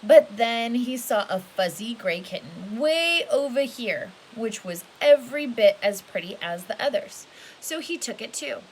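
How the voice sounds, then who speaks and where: A woman with a fairly high voice reads a children's picture book aloud with lots of expression, drawing out key words and tossing in casual asides. The home recording is low quality, hissy, and has background noise.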